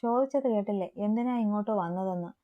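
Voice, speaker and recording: A woman's voice: mid-range voice, brisk, narrow, tinny audio, lightly acted. A woman voicing a hot-tempered young college man who barks harsh orders, in a storybook reading. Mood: shouting.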